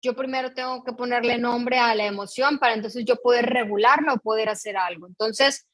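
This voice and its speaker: A woman's voice: on the high side, fairly quick, a bit bright. A woman with a Mexican accent leading an emotional education workshop, explaining patiently and often checking in with her audience. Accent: Mexican Spanish. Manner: explanatory, asks the audience frequent checking questions; reads out picture dialogues in a storytelling tone. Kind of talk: online workshop talk.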